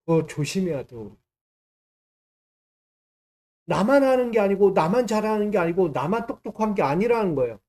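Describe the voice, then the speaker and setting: A male pastor preaches with a soft, mellow tone. He drives his points home, posing questions to the congregation and answering them at once. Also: sits high, sing-song, fast. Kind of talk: sermon.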